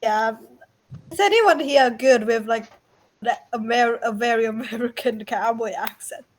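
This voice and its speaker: A woman's voice: on the high side, measured pace, slight background noise. Giggly teasing woman at a game table. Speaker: player. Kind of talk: casual tabletop game chat.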